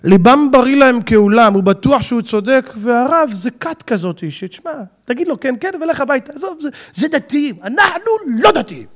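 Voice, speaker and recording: Animated high-voiced male preacher. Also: few pauses. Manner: animated, rhetorical questions, acts out dialogues. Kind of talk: lively religious sermon.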